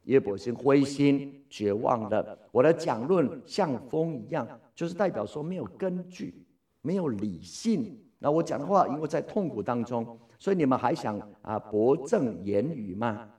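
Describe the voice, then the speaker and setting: A man's voice: medium pitch, expressive, normal speed, a little mellow. A male Bible teacher talks through a scripture passage, firing questions at his listeners and answering them himself. His voice sits mid-range and sounds a little distant from the microphone.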